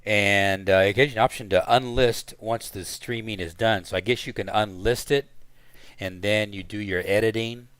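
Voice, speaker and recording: Deep-voiced man rambling through a stream. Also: fairly even intonation, fairly bright tone, smooth, no echo. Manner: rambling, halting, lots of fillers. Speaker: live stream host. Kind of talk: casual commentary while flying a sim.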